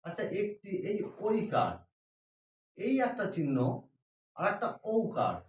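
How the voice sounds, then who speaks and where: Man, high voice, grammar teacher, asks and answers his own questions, echoey room. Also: wildly swooping pitch, takes it slowly, a little hiss or hum. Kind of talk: classroom grammar lesson. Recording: echoey room, mic far off.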